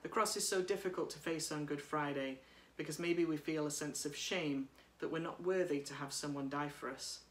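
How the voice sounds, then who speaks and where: A woman priest giving a sermon at home, speaking in a gentle, reflective way while reading from notes, recorded by a camera across a room. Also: low-pitched, normal speed, hardly any pauses, roomy sound. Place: living room by a bright window.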